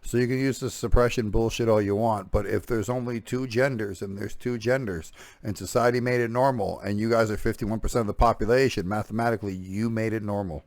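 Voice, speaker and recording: A man's voice: lowish voice, steady tone, fairly quick, few pauses, darkish tone, dry recording. A man giving a sarcastic, profane reaction commentary on a podcast clip, sounding exasperated.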